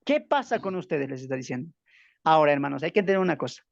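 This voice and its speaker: A man's voice: on the high side, sing-song, fast, gravelly, no echo, lo-fi sound. A man from Bolivia with a Bolivian Spanish accent, teaching a Bible study lesson and firing rhetorical questions he answers himself. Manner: emphatic, keeps asking rhetorical questions and answering them.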